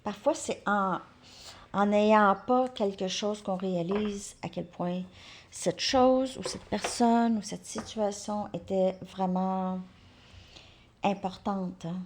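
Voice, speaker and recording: Reading tarot in a relaxed live session, this woman speaks slowly in a steady, mid-range voice over a little hiss or hum. She's chatty, thinking aloud, echoing her own words, and murmuring soft asides.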